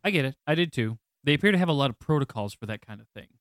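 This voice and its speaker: A man's voice: medium pitch, lively intonation, rapid-fire, fairly bright tone, no room sound. A man narrating as game master of a tabletop game, laid-back and laughing often, with many fillers.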